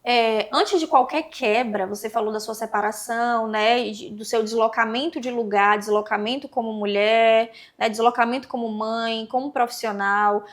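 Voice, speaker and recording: A woman's voice: a little high, steady tone, moderate pace, hardly any pauses. A woman, a psychologist, explaining emotional matters in a panel discussion in an affirming, counselling way.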